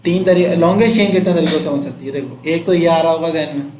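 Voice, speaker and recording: Male chemistry teacher, higher voice, keeps quizzing the class, echoey classroom. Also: steady tone, quick pace, a little mellow, a little hiss or hum. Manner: quizzing students, counting out numbers.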